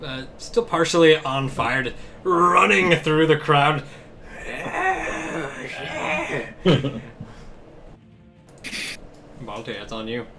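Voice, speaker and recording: A man's voice: fairly high pitch, expressive, unhurried, creaky, few pauses, background noise. A man narrating a tabletop game as game master, loose and profane, laughing often as he describes the action.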